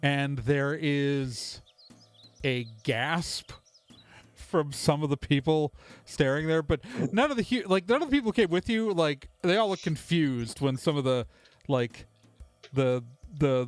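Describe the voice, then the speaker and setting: A man's voice: mid-range voice, measured pace, clear, resonant tone, no echo, faint music behind. A man narrating as the game master of a tabletop game, rambling loosely with many restarts.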